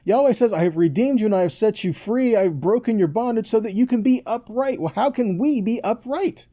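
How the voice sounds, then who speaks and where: A man preaches a conversational sermon that teaches scripture, his voice high-pitched, expressive, fairly quick and mellow. Emphatic and didactic, he often puts questions to listeners and checks they're following.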